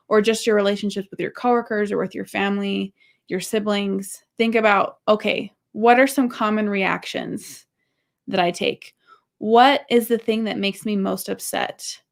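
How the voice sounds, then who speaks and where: Young woman course host, gravelly, mid pitch, casual and candid, tells personal stories. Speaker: podcast host and marriage course teacher. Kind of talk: casual teaching talk.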